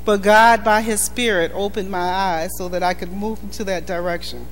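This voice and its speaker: A woman's voice: medium pitch, fairly even intonation, normal speed, a little hiss or hum. A woman pastor delivering a sermon in an earnest, emphatic preaching style, repeating key phrases for weight. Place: church sanctuary. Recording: reverberant church hall with faint music.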